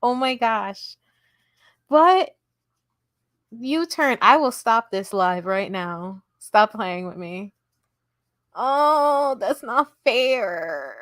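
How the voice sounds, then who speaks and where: A woman with a fairly high, animated, slightly bright voice speaks very slowly with frequent pauses while hosting a casual crochet livestream at her home table. She's chatty and giggly with her chat, and the sound is clean and studio-like, with no room sound.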